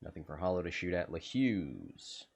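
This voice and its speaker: A man doing casual game commentary on a livestream, laughing often and getting excited. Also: low voice, normal speed, gravelly, breathy edge.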